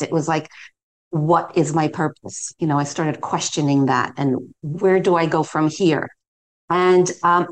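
Middle-aged American woman, yoga teacher guest, slightly low voice, measured storyteller. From New York City. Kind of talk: podcast interview guest.

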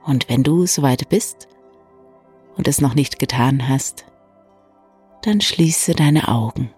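A person gently guiding an evening relaxation in a soft, hushed, soothing voice with long pauses. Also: medium pitch, slightly rough. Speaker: meditation guide and bedtime story reader. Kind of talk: soft, soothing guided meditation for bedtime. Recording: soft new-age music bed. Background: calm new-age music.

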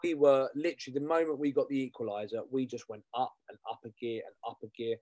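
A man's voice: mid-range voice, level tone, fast, mellow, no room sound. A man co-hosting casual football chat in a chatty, bantering, colloquial way. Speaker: podcast co-host.

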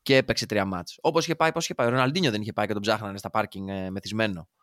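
A man co-hosting a casual football podcast, talking in an animated, jokey way and often trailing off mid-sentence. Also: on the low side, dry recording, clean studio sound. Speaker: podcast co-host.

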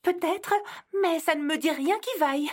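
A woman's voice: sits high, moderate pace, pitched above the performer's own voice, lightly acted. A woman voicing an anxious, cautious female Christmas elf who worries constantly. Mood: worried. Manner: worried, fretful.

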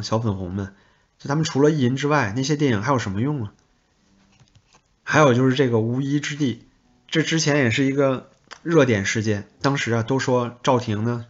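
A man from China hosting a podcast, delivering blunt, sarcastic political commentary with crude insults. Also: mid-range voice. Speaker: podcast host. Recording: slightly dull lo-fi audio.

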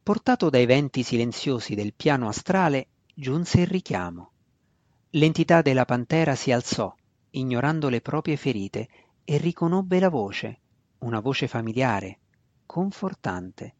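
A man reading a fantasy novel aloud in a steady, expressive narration. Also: mid-range voice, measured pace, dry recording, highs cut off. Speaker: audiobook narrator.

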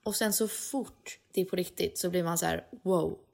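Podcast co-host, female, low with some vocal fry, casual chatter with English mixed in. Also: fairly even intonation, a little hiss or hum. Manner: mixes in English phrases, chatty and advising. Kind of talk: casual chat.

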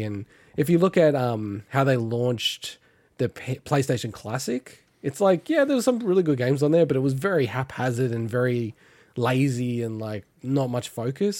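A man's voice: medium pitch, dry recording. An Australian man giving his opinionated take in a casual gaming chat. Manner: opinionated, animated rant. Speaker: podcast co-host.

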